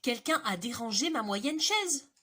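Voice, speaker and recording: A woman reading a storybook and voicing a middle-sized bear in a loud, raised, indignant voice. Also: a little high, expressive, a little slow, husky, exaggerated voice.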